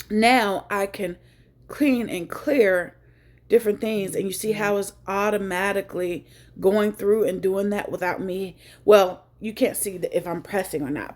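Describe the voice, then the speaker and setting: A woman's voice: mid-range voice, darkish tone. Chatty woman walking through a phone tutorial. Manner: chatty, joking asides, thinks aloud. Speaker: tech tutorial host. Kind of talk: casual screen-share tutorial.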